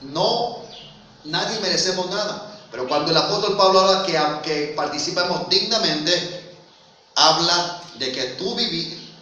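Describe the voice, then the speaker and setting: A man's voice: high voice, unhurried, pushed and bright. A man with a Mexican accent preaching a sermon, emphatic and full of rhetorical questions, calling listeners "brother". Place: church hall. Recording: very echoey hall, voice from far off.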